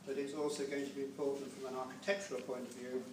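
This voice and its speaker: An older man giving an informal, unscripted eulogy to a gathering, halting and digressive as he goes. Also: mid-range voice, level tone. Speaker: family member giving a speech at a memorial gathering. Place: large echoey room with a gathering. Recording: roomy, distant recording with background noise.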